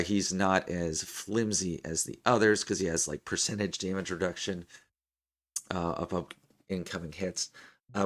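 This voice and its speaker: A man in his thirties with a hoarse, failing voice, giving casual game commentary as host of a gaming video. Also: low voice. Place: small room indoors at a desk.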